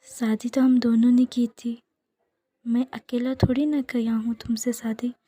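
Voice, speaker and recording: A woman's voice: on the high side, flat delivery, a little slow, mellow, dry recording. A woman whispering as a hurt, pleading young man. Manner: pleading, reproachful.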